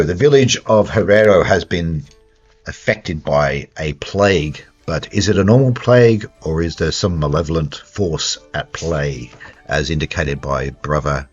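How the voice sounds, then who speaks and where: Man running a tabletop game, low husky voice, halting delivery, dull lo-fi recording. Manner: hesitant, full of restarts and ums. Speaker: game master. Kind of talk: narrating a tabletop horror game.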